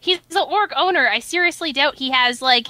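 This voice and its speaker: A woman co-hosting a casual panel podcast, feisty and quick to push back. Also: high voice, sharp tone, a little hiss or hum. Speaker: podcast co-host.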